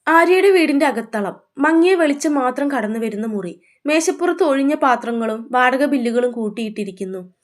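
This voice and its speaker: A woman's voice: high voice, normal speed. Woman narrating a dramatic story.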